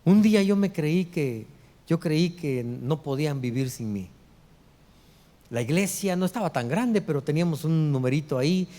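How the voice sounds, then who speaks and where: A middle-aged pastor with a high voice preaches a sermon. He swings between hushed, low lines and raised, lively quotes, and his voice rings with a long hall reverb. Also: moderate pace.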